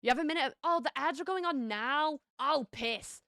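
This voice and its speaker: A young woman from the United Kingdom speaks in a high voice at a moderate pace, slightly bright, recorded dry with studio quality. Her light British accent leans partly American as she reads viewer messages during a casual live stream, bubbly, giggly and playfully sassy. She's a streamer and VTuber artist.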